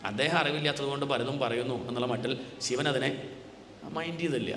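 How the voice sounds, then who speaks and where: A man giving a religious discourse as a spiritual teacher, asking rhetorical questions and answering them himself, now and then chanting verses slowly. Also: medium pitch, fairly bright tone. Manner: chants scripture lines slowly. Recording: echoey hall with faint noise.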